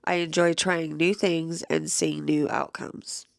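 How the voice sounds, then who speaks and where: Exhausted middle-aged woman, crackly gravelly voice, slow tired delivery, dry close recording, vlog talk. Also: low voice, little pitch movement, no echo. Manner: tired, slow, at times dropping to a whisper. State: exhausted and sleepless. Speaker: vlogger. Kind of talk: casual personal vlog, reading an affirmation card aloud.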